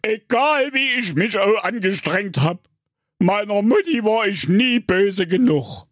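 A man's voice: high voice, very animated, dry recording, clean studio sound, voice pushed up. A man voicing a tearful, self-pitying big bad wolf in a comic storybook tale. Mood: whiny. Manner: slow, whining and tearful.

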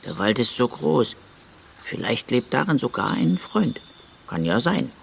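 A man's voice: medium pitch, sing-song, a little slow, gravelly, slight background noise, full character voice. A man voicing a shy, hesitant little male creature in a storybook reading. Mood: musing. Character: timid little mountain creature, young male.

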